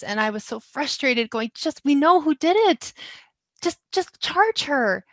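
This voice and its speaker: A woman's voice: medium pitch, gravelly, fairly bright tone, no echo. Woman telling a personal story, dry. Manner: candid, emotional retelling of a hard episode. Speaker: speaker.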